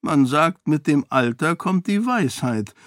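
A wry old duke, as a male narrator puts him on, drawling his words with amused slyness in a higher, lifted voice. The storybook reading sounds close and dry, with no room around it. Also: expressive, a bit bright, no echo. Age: older. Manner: slow, teasing, drawn-out speech.

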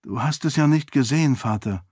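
A man voicing a sharp-witted young royal woman in an audiobook, lifting his voice and talking with quick self-assurance. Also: medium pitch, breathy edge, dry recording, studio quality, pitched above the performer's own voice, close to an everyday voice. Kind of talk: audiobook character voice.

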